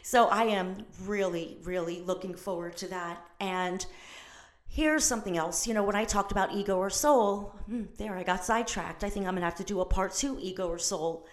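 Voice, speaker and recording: A woman's voice: medium pitch, moderate pace. Gushing, chatty woman podcast host. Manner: gushing, chatty, self-interrupting. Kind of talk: casual solo podcast monologue.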